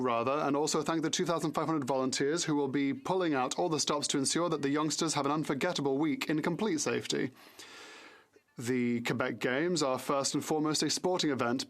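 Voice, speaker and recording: A man's voice: a little high, fairly bright tone. A man interpreting formal parliamentary statements in prepared, ceremonial language.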